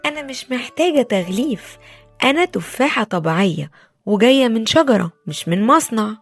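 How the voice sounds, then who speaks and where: A woman with an Egyptian Arabic accent voicing a calm, wise and kind female apple in a children's bedtime story. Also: on the high side, fairly quick, soft background music. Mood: gentle. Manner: gentle and patient, explaining.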